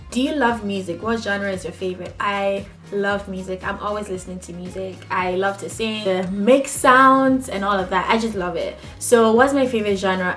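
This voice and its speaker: A young woman raised in Ghana, speaking with medium pitch, answers tag questions casually to a camera on her table. She chats straight to her viewers, calling them "guys," with laughing asides and a relaxed, friendly ease, as faint music plays behind her.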